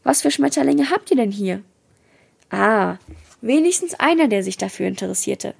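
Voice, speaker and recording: Husky woman reading a children's novel aloud. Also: animated, moderate pace. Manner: switches into livelier, higher voices for quoted dialogue. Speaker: reader of a book excerpt.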